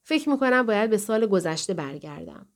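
Audiobook: a woman reads an earnest, pleading husband, mid pitch. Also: big pitch swings. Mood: explaining. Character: distressed man pleading with his wife. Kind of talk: audiobook dialogue reading.

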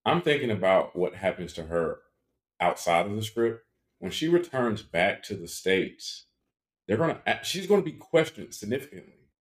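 A man talking as a podcast guest in casual discussion, measured and reflective. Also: lowish voice, sing-song. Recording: roomy echo.

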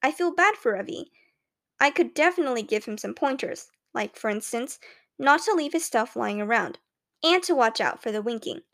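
A woman reading a children's novel aloud in the first person, with clear, expressive storytelling. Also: on the high side, normal speed. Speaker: audiobook narrator. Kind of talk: scripted first-person audiobook narration.

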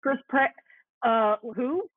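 A woman's voice: sits high, takes it slowly, no room sound. A woman in her twenties chatting sarcastically as a podcast co-host, with lots of "like" fillers. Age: 20s. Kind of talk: casual podcast chat. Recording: tinny phone-like line.

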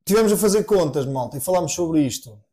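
A man with a European Portuguese accent co-hosts a casual podcast. He talks quickly in a warm, relaxed voice that sits a little high, and swears freely. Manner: laid-back, swears often. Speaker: podcast co-host. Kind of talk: casual chat.

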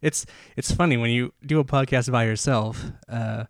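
A man's voice: mid-range voice, moderate pace, no room sound, studio quality. A man hosting a solo podcast, talking enthusiastically in a rambling way with lots of fillers and restarts, a little out of breath. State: slightly out of breath. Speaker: podcast host.

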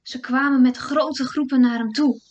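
A woman telling a first-person fairy tale slowly, often dropping to a hushed whisper. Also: high voice, fairly even intonation. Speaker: storyteller. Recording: dull lo-fi recording.

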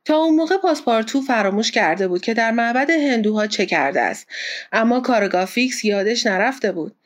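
A woman narrating an audiobook in a steady storytelling manner. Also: a little high.

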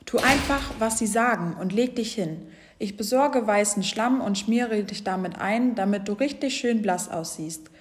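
A woman's voice: medium pitch, normal speed, big-room sound, natural voice. A sly scheming snake, as a woman reads her. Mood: conspiratorial. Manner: sly, conspiratorial. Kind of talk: children's storybook reading.

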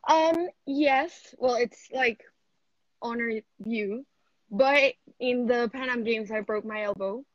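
A seventeen-year-old athlete from Mexico, her voice on the high side, chats casually and slowly in a video-call interview. The recording is dry and dull, and she says "like" a lot.

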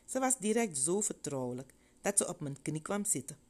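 A woman's voice: fairly low pitch, very animated, normal speed, darkish tone. A woman reading a first-person testimony story aloud, expressively voicing the characters.

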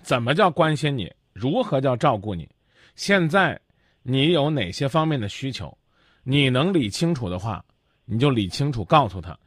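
A man's voice: mid-range voice, sing-song, moderate pace, breathy edge, dry recording, studio quality. A man hosting a radio advice show, blunt and lecturing, cutting his caller off to press her.

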